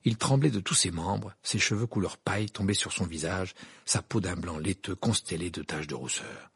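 A man narrating an audiobook in an expressive, dramatic reading style with a gravelly, husky voice. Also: deep voice, normal speed, dry recording, clean studio sound. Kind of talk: scripted narration.

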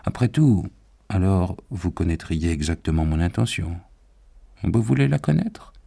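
A grave old professor, as a male narrator plays him, with a very low, gravelly voice. He speaks solemnly and measures every phrase, patient even when pressed. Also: unhurried, exaggerated voice.

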